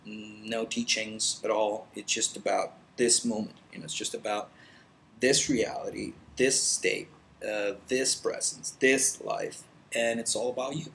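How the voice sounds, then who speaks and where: Rambling low-voiced man from El Salvador. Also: flat delivery, a little slow, creaky, fairly bright tone, a little hiss or hum, low-quality recording. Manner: rambling, hesitant, many fillers and restarts. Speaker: meditation vlogger. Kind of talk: casual spoken vlog. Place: meditation center indoors. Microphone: talking into a computer.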